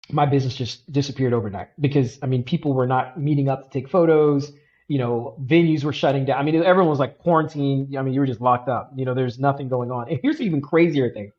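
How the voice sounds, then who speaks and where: A man's voice: medium pitch, muffled recording. A man co-hosting a podcast and telling his story in a casual, earnest way with lots of filler words. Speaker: podcast co-host.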